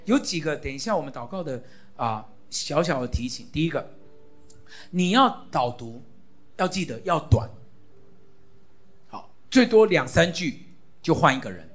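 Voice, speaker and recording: A middle-aged male pastor preaching a sermon on prayer. He exhorts the congregation and repeats key phrases loudly. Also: on the high side, sing-song, normal speed, pauses often, soft background music.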